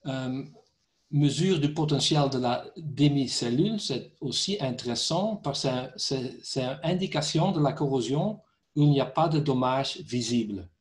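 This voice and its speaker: Older-ish guy w/ foreign accent in french, non-native, kinda hesitant, doing a tech presentation on a video call, normal pitch. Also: moderate pace. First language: not French. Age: middle-aged or older. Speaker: speaker at technical webinar. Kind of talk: technical presentation. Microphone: computer microphone on a video call.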